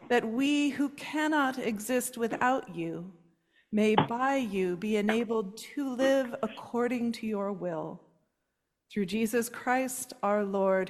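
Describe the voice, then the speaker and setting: A woman leading formal liturgical prayer at a pulpit microphone, reciting set prayers in a measured way. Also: a little high. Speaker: worship leader. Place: large church sanctuary. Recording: reverberant church hall.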